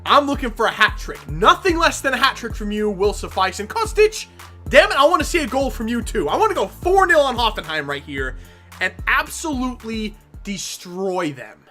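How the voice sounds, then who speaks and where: A woman commenting on her own video game match, excitable and swearing freely, shouting at big plays. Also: fairly high pitch, normal speed, soft background music. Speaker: gaming commentator.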